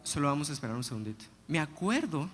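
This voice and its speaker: A man preaching a sermon, telling personal stories in an animated, humorous way. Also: on the high side, fast. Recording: long hall reverb, faint background noise.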